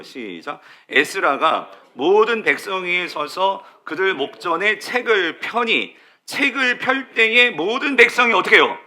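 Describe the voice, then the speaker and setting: Guy pastor preaching in church, high bright voice, asks the room stuff then answers it himself. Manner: asks the congregation questions and answers them himself; emphatic, repeats key words. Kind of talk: sermon. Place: church sanctuary.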